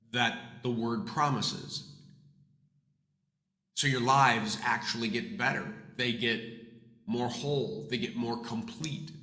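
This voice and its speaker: Bright-voiced pastor with big hall echo. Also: male voice, mid-range voice. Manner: earnest, encouraging, preacherly. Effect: heavy hall-like echo on the voice. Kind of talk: live morning devotional talk. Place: indoors in his office. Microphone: desk microphone streamed online. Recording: echoey reverberant room.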